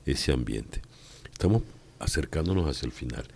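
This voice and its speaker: A man with an extremely deep voice hosts a radio talk show. His intonation rises and falls in a lively way as he asks playful, rambling questions. He keeps the tone casual and conversational. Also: normal speed, gravelly, breathy edge. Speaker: radio host.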